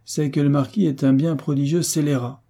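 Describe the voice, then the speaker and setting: A self-satisfied nobleman who talks in a smug, fussy way, read by a man. His voice sounds dark and husky. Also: on the high side, steady tone, brisk, pitched above the performer's own voice.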